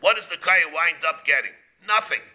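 Bright, forceful man teaching Talmud. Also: a little high, normal speed. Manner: question-and-answer explaining in short repeated phrases. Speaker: rabbi teaching a class. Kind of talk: Talmud lesson, reading and explaining.

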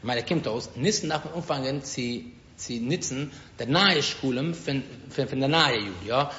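Rabbi teaching Talmud in Yiddish. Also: male voice, medium pitch, fairly bright tone. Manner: halting, repeats words while explaining. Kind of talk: Talmud lesson. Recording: dull echoey room recording with faint noise.

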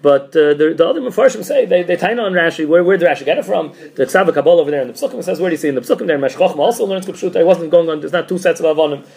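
A man's voice: a little high, creaky, darkish tone. A man giving an informal religious text class, thinking aloud and often repeating and restarting his phrases. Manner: halting, repeats and restarts phrases mid-thought. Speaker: teacher giving a Talmud class.

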